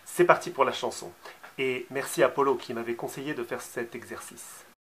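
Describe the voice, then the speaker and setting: A man's voice: medium pitch, fairly even intonation, normal speed, a bit bright, a little hiss or hum. A man giving a casual songwriting tutorial, talking hesitantly with many filler sounds.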